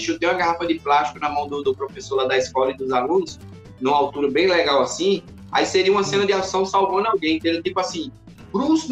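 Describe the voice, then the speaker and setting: A man, a podcast guest in casual chat, who tells his stories in an animated way and acts out the scenes. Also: sits high. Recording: roomy echoey room.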